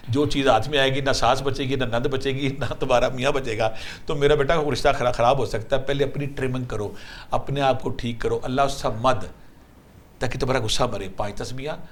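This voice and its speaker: Guy on a call-in show, fatherly, calls ppl daughter, rattles off prayers. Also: mid-range voice. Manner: storytelling, calls callers 'daughter' and 'son', lists recitations. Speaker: numerology and spiritual advice guest. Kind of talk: animated call-in advice.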